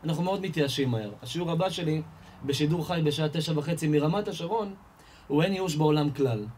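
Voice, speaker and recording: A man giving a lively Torah lesson to an audience, telling everyday stories and firing rhetorical questions that he answers himself. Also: slight background noise. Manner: animated storyteller, asks and answers his own questions, rises in pitch and volume. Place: live event hall before an audience.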